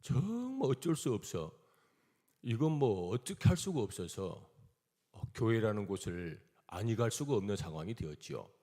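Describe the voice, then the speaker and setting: A man's voice: fairly low pitch, sing-song, moderate pace, mellow. A man preaching a testimony sermon in a Gwangyang dialect, telling his story and acting out the quoted dialogue. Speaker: missionary preacher. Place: church hall. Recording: reverberant church hall.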